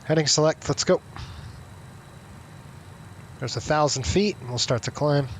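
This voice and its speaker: A man's voice: on the high side, a little slow. Male pilot making takeoff callouts over cockpit noise. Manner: clipped, procedural phrases. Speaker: airline pilot at the controls. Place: aircraft cockpit. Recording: cockpit recording with vehicle noise.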